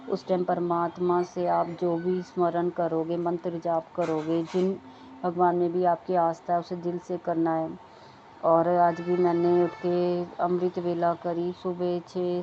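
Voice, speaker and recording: A woman speaks in a low, mellow voice that barely rises or falls as she gives an earnest devotional talk and leads simple mantra chants. She keeps coming back to the same phrases of thanks and advice. The recording is dull and lo-fi, with a faint hiss underneath. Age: adult with children. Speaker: devotee giving a satsang talk.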